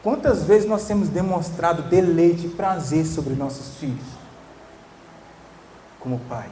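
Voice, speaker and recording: A pastor in his thirties, preaching earnestly and emphatically, dropping to soft tender tones at times. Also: on the high side, unhurried, a little hiss or hum. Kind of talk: sermon.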